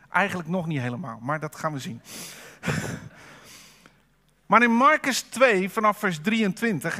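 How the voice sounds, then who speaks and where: A man's voice: high-pitched, bright, forceful tone. A man preaching a sermon at a church service, in a conversational way, asking the congregation rhetorical questions.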